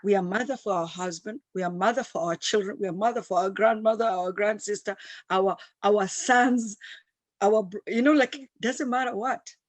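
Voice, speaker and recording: A woman's voice: mid-range voice, normal speed, no room sound. Emphatic East African-raised woman in her fifties. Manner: emphatic and repetitive, speaks with passion. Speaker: guest entrepreneur. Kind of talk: interview, enthusiastic storytelling.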